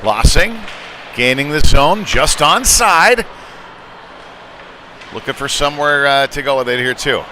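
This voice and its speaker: A former goaltender, his voice a little high, calls live hockey in an unhurried way with long pauses. He stays conversational but rises to excited calls on big plays, over clear arena noise.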